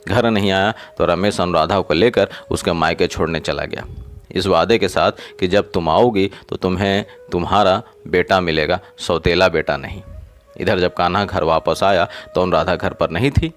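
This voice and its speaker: A man narrating a short story in a steady, earnest storytelling manner, then signing off to viewers. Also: sits low, moderate pace.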